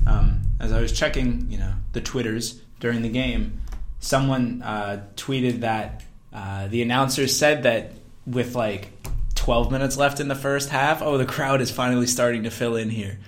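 A young man, a student fan, co-hosting a casual sports podcast, talking in a relaxed way with many fillers and restarts. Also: fairly low pitch.

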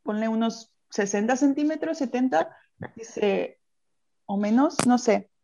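A woman with a Mexican accent, chatting casually and telling a personal story with lively energy. She often slips into the voices of the people in her story. Her voice sits fairly high with a mellow, dark tone, and the recording is a little muffled. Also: a little slow, slight background noise. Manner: lively storyteller who acts out quoted voices. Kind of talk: casual chat. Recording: slightly muffled lo-fi audio.

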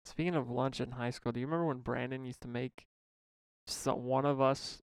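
Joking gravelly young man. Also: mid-range voice, steady tone, fairly quick, dry recording. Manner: joking, asks rhetorical questions, laughs often. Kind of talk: casual chat.

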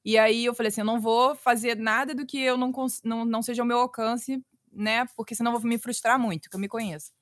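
A woman's voice: a little high, steady tone, fast, few pauses, no echo, studio quality. A Brazilian woman in her thirties who makes children's story podcasts, chatting animatedly and slipping into voices as she retells things. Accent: Brazilian Portuguese. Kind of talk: casual interview chat.

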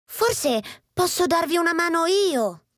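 Young fire-breathing elf voiced by a man, high and lively, earnest, childlike, storybook reading, dry sound. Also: unhurried, dry recording, heavily acted.

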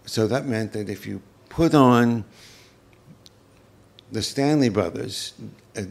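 An older man telling unscripted recollections as an interview guest, in a halting, reflective way. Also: lowish voice, creaky, darkish tone. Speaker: interview guest, former folk festival organizer. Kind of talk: unscripted reminiscence.

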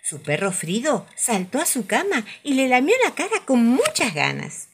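A woman reading children's stories aloud, soft and playful. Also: on the high side, huge pitch swings, normal speed, background noise. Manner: soft, playful, sing-song delivery. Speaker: storyteller.

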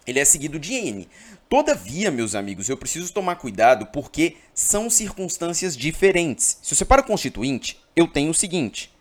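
A man's voice: fairly high pitch, sing-song, normal speed. A man from Brazil teaching an exam-prep grammar lesson, emphatic and always checking in with his listeners.

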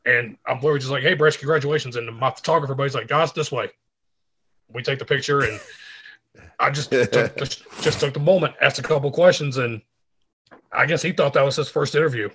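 A middle-aged man, a fitness writer guest, telling animated stories in a casual interview. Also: mid-range voice, quick pace, breathy edge. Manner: animated anecdote teller, acts out quotes.

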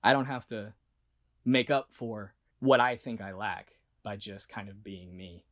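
A man's voice: lowish voice, level tone, unhurried, a bit bright. Rambling young-sounding voice actor guy. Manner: rambling, full of "like" and restarts; earnest and self-reflective. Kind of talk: casual interview talk.

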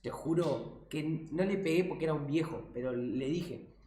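A young man with a Rioplatense Argentine accent, telling street stories quickly and excitedly on a casual stream. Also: a little high, roomy sound, a little hiss or hum. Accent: Rioplatense Spanish. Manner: rapid, excitable anecdote-telling with slang. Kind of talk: casual chat, storytelling. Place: streaming room at home.

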